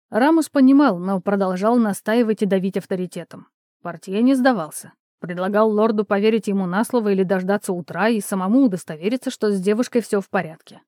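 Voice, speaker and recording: A woman narrating an audiobook in a calm, even storytelling manner. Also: medium pitch, brisk, dry recording, clean studio sound.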